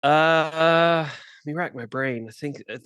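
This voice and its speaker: A man co-hosting a gaming podcast in casual chat, friendly and quick with asides. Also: a little high, a bit bright, clean tone, no room sound. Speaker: podcast co-host.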